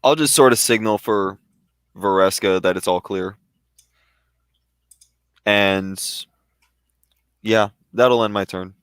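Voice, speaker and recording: A man's voice: lowish voice, takes it slowly, long pauses, a bit bright, smooth, no room sound, studio quality. A man playing a tabletop game, careful and full of questions about his moves. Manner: careful, asks many questions. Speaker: player. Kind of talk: casual tabletop game play.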